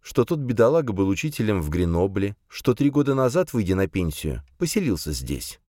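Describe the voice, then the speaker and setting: Audiobook figure: a man doing a level-headed woman, slow and calm, dry close sound. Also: lowish voice, dry recording, pitched above the performer's own voice.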